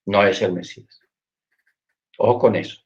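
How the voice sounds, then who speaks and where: A man's voice: lowish voice, moderate pace. A man teaching a Bible study in a storytelling way, often repeating words as he searches for them. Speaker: Messianic Torah teacher. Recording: dull, lo-fi internet stream.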